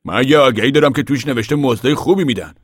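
A man voicing a determined older farmer father who speaks loudly and insistently in an audiobook reading. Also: medium pitch, husky, dry recording, studio quality, pitched above the performer's own voice, close to an everyday voice. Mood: earnest. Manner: loud, insistent, raised voice.

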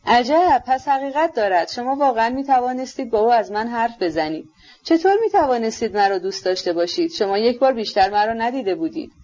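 A woman's voice: on the high side, expressive, darkish tone, lo-fi sound. A woman reading a proud, fiery young woman. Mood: agitated.

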